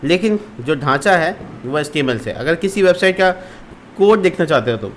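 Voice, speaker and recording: A man's voice: on the high side, lively intonation, moderate pace, a little hiss or hum. A man teaching a screen-recorded programming lesson, explaining step by step with repeated terms and frequent fillers. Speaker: coding tutor.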